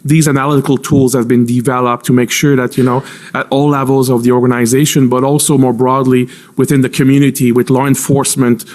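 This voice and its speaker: A man giving formal testimony as an intelligence official under cross-examination, choosing his words carefully with many pauses and repeats. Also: mid-range voice, flat delivery, darkish tone. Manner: careful, halting, hedged with frequent pauses and repeats. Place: formal public inquiry hearing.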